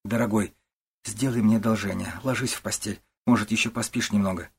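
A man voicing a gentle young wife and mother who speaks softly and pleadingly. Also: fairly low pitch, steady tone, a little fast, gravelly, husky, full character voice. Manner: soft, hushed and pleading.

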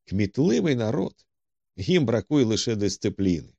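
A cool, dry-witted detective, voiced by a man, giving terse orders in a low, commanding tone. The reading is close and dry, with no room sound behind it. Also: sing-song, normal speed, gravelly, dark tone, no echo, dull audio, heavily acted.

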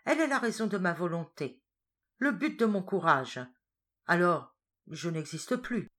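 A woman's voice: on the low side, very animated, unhurried, a bit bright, full character voice. A woman voicing a young male journalist who pleads with fervent urgency in a storybook reading. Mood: desperate.

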